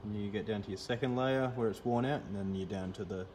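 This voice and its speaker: Young man, relaxed mechanic, lowish voice, roomy echoey workshop, audible shop noise. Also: quick pace. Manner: relaxed, plain-spoken, with ums and trailing phrases. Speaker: engine mechanic. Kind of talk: casual workshop walkthrough. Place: large indoor engine workshop.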